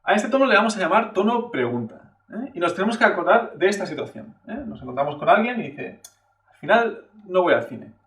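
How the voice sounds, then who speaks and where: A man's voice: high voice, big pitch swings, fast, a bit bright. A man from teaching a Chinese lesson in a patient, explanatory way, often checking in with a questioning "eh" and exaggerating sample syllables to show the tones. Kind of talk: classroom-style video lesson. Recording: roomy echo, voice from a distance.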